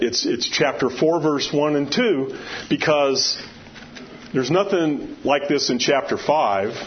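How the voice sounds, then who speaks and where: This informal sermon comes from a man with a fairly high-pitched voice that is loud and carries well. Teaching a Bible study, he reads scripture, adds personal asides, speaks conversationally and emphatically, and frequently asks his listeners questions, all on a dull lo-fi recording with noticeable background noise.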